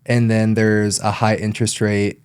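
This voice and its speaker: A man who works as a loan officer, explaining things in a relaxed podcast chat with frequent ums. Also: lowish voice, normal speed, smooth.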